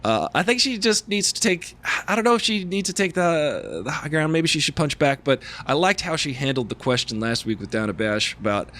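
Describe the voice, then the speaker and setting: A man's voice: fairly high pitch, very animated, brisk, few pauses, a bit bright. A man co-hosting a casual podcast chat, talking animatedly, laughing often and acting out what others said. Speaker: podcast co-host.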